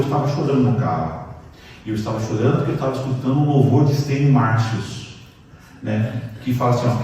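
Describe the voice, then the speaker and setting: A man's voice: mid-range voice, dark tone. Brazilian male preacher, conversational testimony style, recorded from a distance in a reverberant church hall. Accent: Brazilian Portuguese. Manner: chatty, addresses the congregation directly as brothers. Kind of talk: sermon with personal testimony. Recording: echoey hall, distant mic, faint noise.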